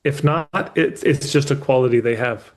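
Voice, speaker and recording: Male business coach, live session, mid-pitched, candid and emphatic, loose and sweary. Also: normal speed. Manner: restarts mid-thought as he explains.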